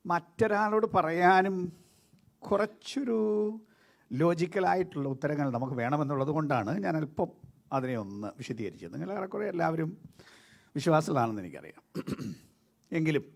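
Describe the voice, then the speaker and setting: A middle-aged man, a pastor with a Malayali accent, preaching a sermon that swings between loud and soft and drops in English words. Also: fairly high pitch, moderate pace, gravelly, pauses often. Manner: lively preaching, rising and dropping sharply between loud and soft; mixes English words into his speech.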